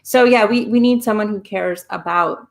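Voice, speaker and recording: Woman host, casual chat, gravelly, upbeat, leans on fillers. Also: mid-range voice, normal speed. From El Salvador.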